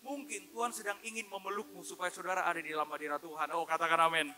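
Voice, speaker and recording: A man preaching a sermon as a pastor, animated, calling out to his listeners and acting out voices in his stories. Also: sits high, fast. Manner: animated, addresses listeners as "Pak" and "saudara"; acts out his son's and God's voices.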